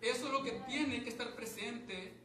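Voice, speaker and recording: A man preaching a sermon with passion, asking the congregation questions and building to loud calls. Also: very high-pitched, normal speed. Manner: impassioned, rising to loud exhortation; asks the congregation rhetorical questions. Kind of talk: evangelical sermon. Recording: echoey hall, mic some distance off, faint background hiss.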